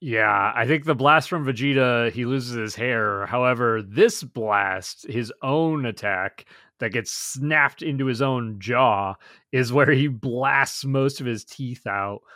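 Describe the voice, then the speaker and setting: A man's voice: mid-range voice, slow pace, bright, forceful tone, dry recording, studio quality. A man co-hosting a podcast, chatting casually and gushing enthusiastically as he reviews episodes. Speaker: podcast co-host.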